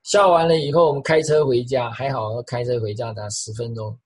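A middle-aged male pastor giving an animated sermon, repeating phrases for emphasis and imitating the sounds he describes. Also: mid-range voice, fairly quick, breathy edge, poor audio.

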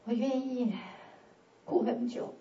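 A woman giving a sermon testimony, lively, swinging from loud exclamations to hushed prayerful tones and laughing often. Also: a little high, takes it slowly. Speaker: church speaker giving testimony. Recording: roomy, distant and dull church sound.

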